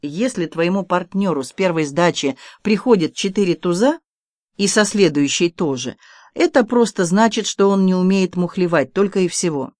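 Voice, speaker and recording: Reader doing an excitable touchy young man, fussy, dry close sound, audiobook. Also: medium pitch, dry recording, lightly acted. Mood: teasing. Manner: fussy, quick to take offence. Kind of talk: audiobook character voice.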